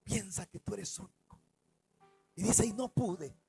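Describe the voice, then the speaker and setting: A man, a pastor preaching a sermon, swinging between loud and soft as he retells stories in the first person. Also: measured pace, vocal fry, faint music behind, low-quality recording. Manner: preaching with dramatic swings in loudness and pitch.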